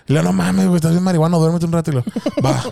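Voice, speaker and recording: A man's voice: fairly high pitch, racing, vocal fry, dark tone, a little hiss or hum. A young man with a Mexican accent telling a story in casual, slangy podcast chat, laughing and acting out what people said. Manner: slangy, laughing, acts out quotes. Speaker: podcast co-host.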